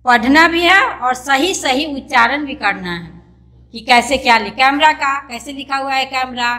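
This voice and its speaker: Speaking a little slowly in a high, pushed, bright voice, a woman primary teacher with a Hindi Indian accent gives an online class to small children. She patiently repeats herself, addresses pupils as "beta" and spells each word letter by letter.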